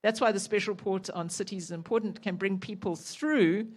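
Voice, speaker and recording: Woman panelist, urgent and emphatic, mid-pitched conference voice. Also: fairly quick.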